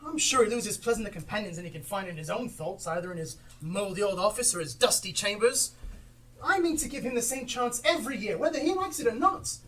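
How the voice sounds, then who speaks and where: A woman performs on stage in a live amateur play, playing a cheerful, forgiving young gentleman in a voice a little on the high side. A distant mic picks her up.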